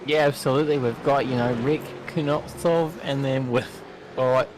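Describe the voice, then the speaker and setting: A man's voice: mid-range voice, level tone, fairly quick, background noise. A man, easygoing and jokey as a race co-commentator.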